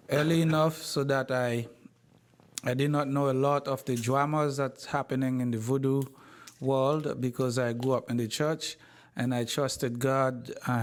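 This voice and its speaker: Telling his life story in an interview, this man from Haiti, who heads a university, speaks at a slow, measured pace in a medium-pitched voice, pausing often and repeating words.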